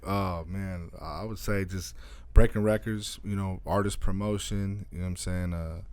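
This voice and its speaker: A man's voice: low voice, steady tone, moderate pace, darkish tone, clean tone. A man from Arizona, a DJ and radio station owner, talking loosely as a guest in an interview and often adding "you know what I'm saying.". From Arizona, USA. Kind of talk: casual interview talk.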